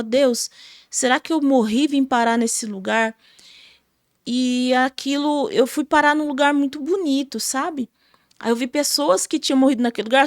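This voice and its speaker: A woman's voice: high-pitched, no echo, clean studio sound. A Brazilian woman, a gospel singer, telling her personal testimony in a podcast interview with emotional storytelling. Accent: Brazilian Portuguese. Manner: emotional storytelling, many fillers like "sabe?".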